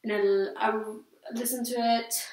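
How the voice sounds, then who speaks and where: A slightly high, darkish voice with a level tone belongs to a young Swedish woman reviewing books in a casual vlog. She speaks unhurried, non-native English, hesitating, rambling and repeating herself as she gives her opinions. She is in her teens or young adult years, and the recording sounds echoey and roomy.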